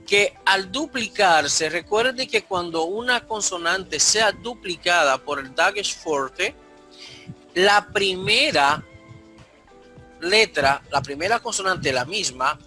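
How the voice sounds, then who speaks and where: Patient male language teacher, slow deliberate delivery, high pitch. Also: lively intonation, pushed and bright, soft background music. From Dominican Republic. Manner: slow, explanatory, repeats key points. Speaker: Hebrew teacher. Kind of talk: online grammar lesson.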